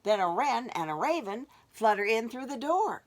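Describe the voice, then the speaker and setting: A woman reading a picture book aloud to children as a librarian, animated and inviting them to join in, dropping to whispers for suspense. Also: on the high side, normal speed.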